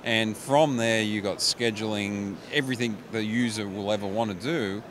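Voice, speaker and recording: A man's voice: fairly low pitch, normal speed. A middle-aged man, a company managing director, explaining his products into a handheld mic at a trade show booth, with frequent restarts. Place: busy exhibition hall booth. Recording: noisy trade show floor.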